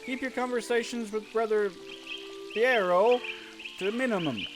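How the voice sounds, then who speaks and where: A man's voice: high voice, moderate pace, music in the background, voice pushed up, natural voice. A man voicing a stern older male abbot in a stiff, odd put-on accent.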